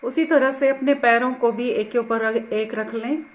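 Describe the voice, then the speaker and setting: A middle-aged woman leading a guided meditation, giving slow, gentle instructions with English words mixed into her speech. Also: on the high side, steady tone.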